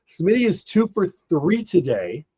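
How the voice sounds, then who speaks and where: A man hosting a live baseball watch party, excitedly calling plays and chatting with viewers, a bit hoarse as he is losing his voice. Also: high-pitched, measured pace, lo-fi sound. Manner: excited, reacts to plays, talks to chat. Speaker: livestream watch party host.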